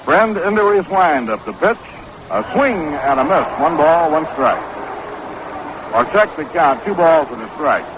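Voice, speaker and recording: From his broadcast spot at an outdoor ballpark, a male announcer delivers live baseball commentary for 1960s radio. His expressive voice sits on the high side, and he describes plays in a measured way, speeding up when the action picks up. The old recording sounds noisy and dull.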